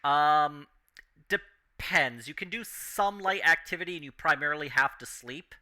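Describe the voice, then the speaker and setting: A man refereeing a tabletop game as game master, explaining rules casually and haltingly. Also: fairly high pitch, lively intonation, sharp tone.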